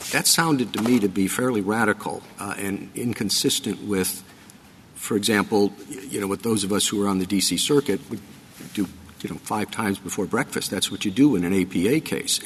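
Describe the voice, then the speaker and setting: A man presiding over oral argument, speaking haltingly with many fillers and a skeptical tone. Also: fairly low pitch, fairly bright tone, in a large hall, slight background noise. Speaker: presiding judge.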